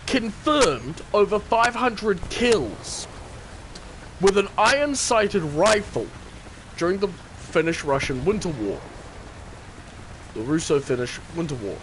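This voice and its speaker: This is a male game streamer chatting casually over his match. His pitch jumps around in a lively, animated way and sits slightly high. He rambles, repeats his words and laughs often. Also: a little hiss or hum. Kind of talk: casual gameplay commentary.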